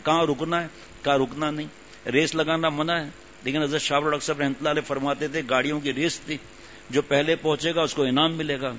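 An older man gives a religious talk in a relaxed, conversational way, circling back to repeat phrases for weight. His voice sits slightly high. The recording is dull and lo-fi, with a faint hum in the background. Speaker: religious teacher. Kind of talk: sermon.

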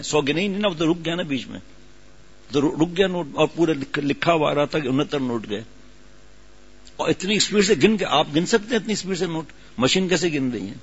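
A man's voice: a little high, slightly rough. A man preaching a sermon, telling a story and then urging his listeners on with growing emphasis. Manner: storytelling, rising to emphatic exhortation. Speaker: religious preacher. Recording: dull lo-fi sound.

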